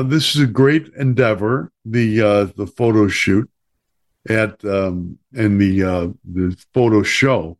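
Host: middle-aged Chicago man, mid-pitched, chatty and meandering. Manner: rambling, lively, many fillers and restarts. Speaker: podcast host. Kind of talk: casual chat.

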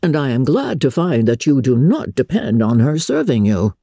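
A woman voicing a dry, unruffled middle-aged gentleman father in a classic novel audiobook, measured, deadpan and mock-solemn. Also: very deep voice, slightly rough, no echo, heavily acted. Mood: dry, teasing.

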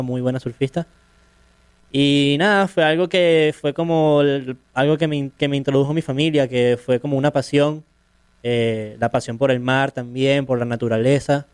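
A man with a Venezuelan accent whose voice sounds smooth and clear. He answers in a friendly, unhurried way, pausing often. The recording is close and dry. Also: mid-range voice, darkish tone, no room sound. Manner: friendly, unhurried, with frequent pauses. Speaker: guest, professional surfer. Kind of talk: interview answers.

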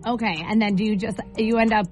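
A woman hosting a morning radio show, chatting casually in an animated, informal way with a co-host and callers. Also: mid-range voice, fast talker. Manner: animated, informal, terms of endearment. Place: radio studio. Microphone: close studio microphone. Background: faint music.

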